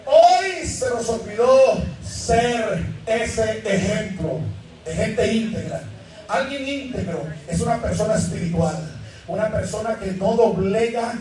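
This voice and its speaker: A high-pitched man preaches loudly in a church, his voice booming around a very echoey hall. He sounds a bit distant from the mic, with a congregation audible behind him. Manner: shouting sermon delivery with jokes and acted quotes. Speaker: pastor. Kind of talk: sermon.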